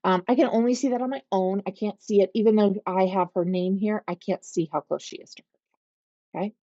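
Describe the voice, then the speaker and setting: A Pittsburgh-accented woman leads a calm, step-by-step software walkthrough for agents, often pausing to ask "okay?" Her voice is mellow and dark. The recording is dry and a little dull, like a computer mic. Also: mid-range voice, no echo. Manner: patient, step-by-step, checks in with "okay?". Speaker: real estate trainer. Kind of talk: screen-share software walkthrough. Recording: slightly dull, lo-fi audio.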